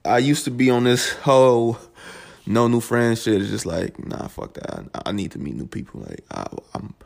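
Young adult man hosting a casual podcast from home, profane and rambling, with a lively, swinging pitch. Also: moderate pace, vocal fry. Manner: loose, profane, rambling with restarts. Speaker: podcast host. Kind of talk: casual solo podcast talk.

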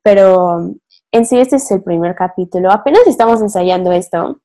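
A young podcast co-host speaks at normal speed in a medium-pitched, expressive voice with a dark tone. She meanders through a relaxed philosophical discussion, thinking aloud and using many fillers.

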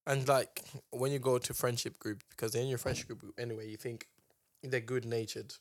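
Young adult male, London roadman accent, emphatic slangy banter, mid-pitched, close dry recording. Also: steady tone, brisk, no room sound. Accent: London, urban roadman slang style. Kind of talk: casual banter.

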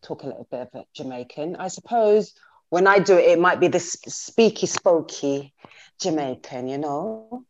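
A middle-aged woman guest chatting casually, soft-spoken and hesitant, often trailing off. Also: on the low side, animated, normal speed, dull audio. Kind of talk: casual chat.

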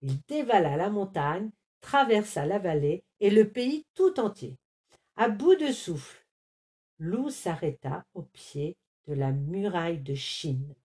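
A woman reading a children's storybook aloud, clearly and expressively. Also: fairly low pitch, animated, takes it slowly, warm tone.

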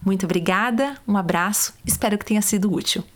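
A woman, calmly guiding listeners step by step through vocal warm-up exercises. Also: medium pitch, quick pace. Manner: calm, step-by-step, demonstrates sounds. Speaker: voice coach. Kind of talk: guided vocal warm-up instructions.

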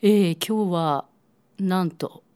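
A woman with a gravelly voice, hoarse from a cold, talking to radio listeners. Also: on the low side, slow, warm tone, slight background noise.

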